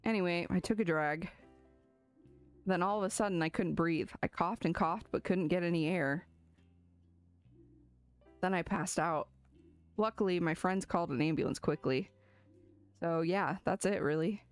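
A woman's voice: on the low side, normal speed, pauses often, soft background music, lightly acted. A woman voicing a chatty, eager young pig girl patient in a game, rambling on.

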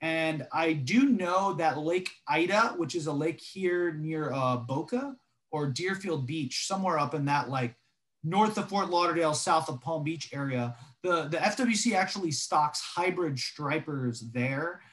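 A young man co-hosting a podcast over a video call, telling fishing stories in a relaxed way with many fillers. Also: fairly high pitch, measured pace. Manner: relaxed storytelling with frequent fillers. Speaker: podcast co-host. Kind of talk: casual chat.

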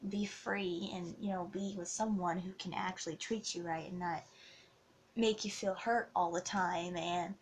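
Slow, tearful young woman vlogging. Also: fairly low pitch, fairly even intonation, a little hiss or hum. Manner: tearful, heartfelt, halting. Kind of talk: emotional confessional vlog.

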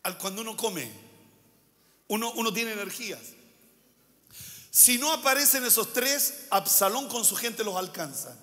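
A man's voice: high-pitched, lively intonation, unhurried, pauses often, sharp tone. A male pastor preaching a sermon, repeating phrases and asking rhetorical questions. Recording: long church hall reverb.

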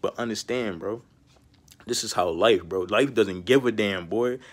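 A man's voice: lowish voice, measured pace. Slangy, rambling young man vlogging. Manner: slangy and rambling, peppered with "bro" and "you know what I'm saying"; preachy, street-style life advice. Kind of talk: casual monologue to camera.

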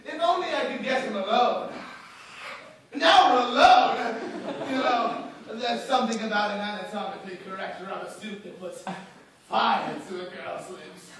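A man's voice: high-pitched, normal speed, fairly bright tone, a little hiss or hum. Guy doing a theatrical seductive plant villainess in a comedy skit, far from the mic, super echoey room. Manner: theatrical, flirtatious. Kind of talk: comic stage duo performance. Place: classroom, before a seated audience. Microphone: phone from the audience. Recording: echoey classroom, far phone camera.

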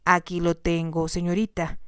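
A woman's voice: lowish voice, completely flat delivery, normal speed, fairly bright tone, clean tone, no echo, studio quality, natural voice. A woman voicing a pushy man who forces his way into a lady's room and brushes off her pleas. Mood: smug insistent. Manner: insistent, smug.

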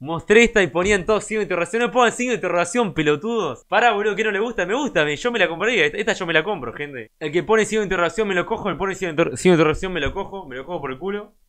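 A young man with a Rioplatense Spanish accent, giving excitable, casual gameplay commentary as a streamer and talking straight to his chat. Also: high-pitched, racing, few pauses. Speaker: gaming streamer.

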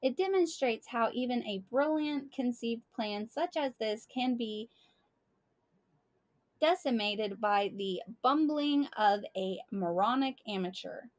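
A woman reading a children's book aloud to listeners in an expressive, deliberate way. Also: on the high side. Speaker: storyteller.

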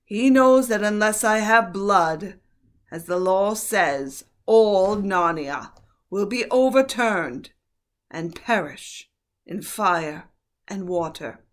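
A woman voicing a cold, cruel and imperious witch queen, shrill and sneering. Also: expressive, slow. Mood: menacing.

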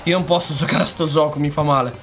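A young man commentating his own football game match, shouting and complaining at the referee. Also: fairly high pitch, fairly even intonation, fast, faint music behind. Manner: shouting, exasperated outbursts at the referee. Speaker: gaming youtuber. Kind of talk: excited live game commentary.

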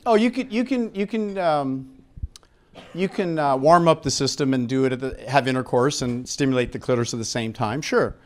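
Speaking in a mid-range voice, a middle-aged American man addresses an expo seminar audience over a handheld mic. He talks frankly and with emphasis, stopping for effect and putting questions to the listeners.

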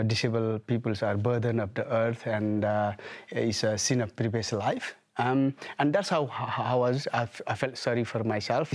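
A man's voice: mid-range voice, darkish tone. A man from Nepal with a Nepali accent, a guest in a TV news studio, speaking hesitantly with many fillers and restarts. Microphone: lapel mic.

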